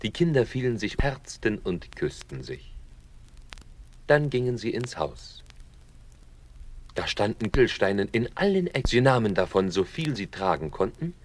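Lively male fairy-tale narrator. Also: on the low side, normal speed, a little hiss or hum. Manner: lively storyteller, acting out quotes.

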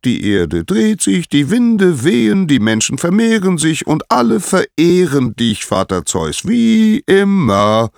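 A man's voice: fairly high pitch, very animated, slow, hardly any pauses, a little mellow, dry recording, clean studio sound, voice pushed up, exaggerated voice. A man voicing the sun god Helios as an eager, obliging servant who answers in a raised, chirpy voice. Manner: chirpy, obliging, repeats himself.

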